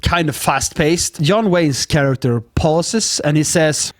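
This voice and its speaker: Playful lively-voiced male reviewer. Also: a little high, takes it slowly. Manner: playful, self-mocking, stumbles over words. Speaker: movie reviewer. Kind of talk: scripted film review with jokes.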